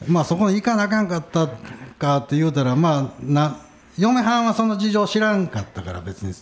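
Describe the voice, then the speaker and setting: A man's voice: on the high side, a little fast. A man with a Kansai accent telling a casual story in a podcast chat, acting out the people he quotes. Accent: Kansai Japanese. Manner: relaxed anecdote telling, acts out quoted voices. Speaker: podcast co-host.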